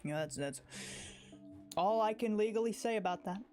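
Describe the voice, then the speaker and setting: With music in the background, a livestreamer rambles in a relaxed, opinionated way at middling pitch, often circling back and restarting. Intonation is lively, speed normal, and the tone a bit dark.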